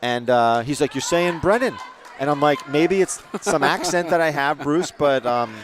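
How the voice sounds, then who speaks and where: A man's voice: on the high side, normal speed. Chatty man calling a school basketball game. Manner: chatty, rambling asides, self-corrections. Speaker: play-by-play commentator. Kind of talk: local sports commentary. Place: press box at a school gym.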